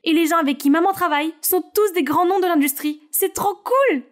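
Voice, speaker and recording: A woman's voice: very high voice, fairly quick, voice pushed up. A woman doing an eager, starstruck teen girl. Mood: thrilled. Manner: excited and pushy. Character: eager, starstruck teenage twin sister. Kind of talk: storybook character voice.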